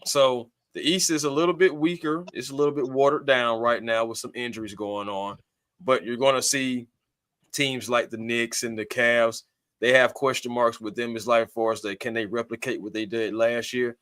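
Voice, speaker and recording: A man's voice: medium pitch, steady tone, normal speed, a bit bright, smooth, no room sound. Guy hosting a sports fan stream over a video call, upbeat, dry and close. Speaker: podcast host. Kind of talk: casual sports talk livestream.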